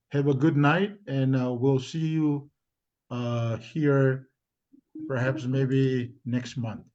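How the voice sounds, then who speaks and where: A man with a Tongan accent speaking informally on a community live discussion in a halting, deliberate, repetitive way. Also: mid-range voice, warm tone. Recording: dull lo-fi stream audio.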